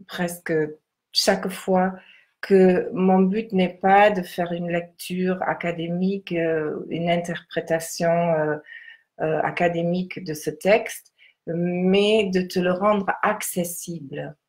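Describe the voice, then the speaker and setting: A woman leads a guided meditation and contemplative reading. Her voice sits a little low and she speaks very slowly. She is measured and instructive, leaving deliberate pauses between short phrases. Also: steady tone, darkish tone.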